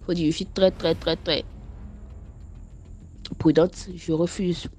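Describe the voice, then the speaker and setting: An Ivorian young woman with an Ivorian French accent speaks directly to her audience in a relaxed storytime vlog, lively and stammering as she goes from scolding to telling her story. Her voice has a fairly low pitch, and she takes her time.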